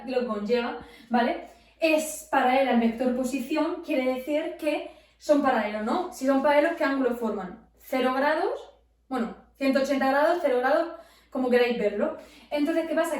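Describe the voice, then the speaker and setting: Tutoring physics, a woman with a high voice and darkish tone takes her students through the material step by step, posing questions and answering them herself. She keeps checking in with "¿vale?" The room is very echoey, and she is far from the mic.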